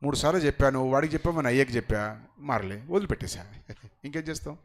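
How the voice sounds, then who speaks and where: A middle-aged man preaching a sermon as pastor. He moves between quiet conversational asides and loud, rising emphatic passages. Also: medium pitch, fast.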